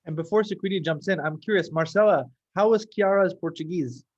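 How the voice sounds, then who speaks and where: A man from Lebanon hosts an online case session over a video call, chatting casually. He sounds upbeat and enthusiastic, with playful bursts of excitement between calmer stretches. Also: high voice, a little fast, muffled recording. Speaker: host.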